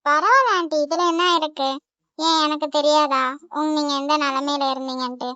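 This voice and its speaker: A woman's voice: high voice, fairly quick, pushed and bright, no room sound. A woman voicing a sweet, polite young woman who is a guest in a cartoon, with a Tamil accent. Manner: polite and soothing.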